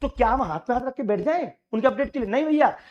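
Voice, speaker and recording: Hoarse high-voiced man rallying aspirants. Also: animated, quick pace, a little mellow, lo-fi sound. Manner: emphatic, rallying, repeats key points. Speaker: coaching teacher and union leader. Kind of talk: direct address to exam aspirants.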